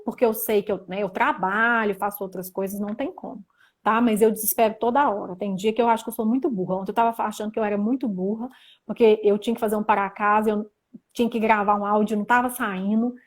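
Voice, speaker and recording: Young Brazilian woman, chatty livestream teacher, medium pitch, talking to viewers through a phone mic. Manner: chatty, reads viewer comments aloud, animated. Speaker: livestream host teaching Mandarin. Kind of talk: casual livestream lesson.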